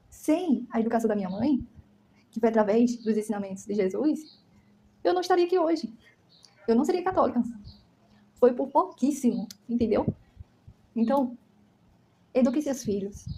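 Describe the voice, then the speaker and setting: Rapid, emphatic Brazilian woman giving testimony, fairly high pitch, slight background noise. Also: warm tone. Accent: Brazilian Portuguese. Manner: emphatic, keeps asking "entendeu?". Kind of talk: personal testimony to camera.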